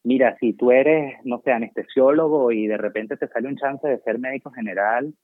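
A man's voice: mid-range voice, moderate pace, no room sound. A man from Venezuela with a Venezuelan Spanish accent, chatting casually as a guest doctor in an interview, digressive and self-mocking. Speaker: guest doctor working abroad. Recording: tinny dry phone line.

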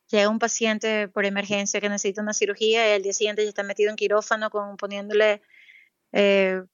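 On a dry, lo-fi recording, a medium-pitched woman from Venezuela, a pediatric cardiologist being interviewed, recounts what she has experienced. She speaks thoughtfully, slowing to stress points amid frequent fillers and restarts.

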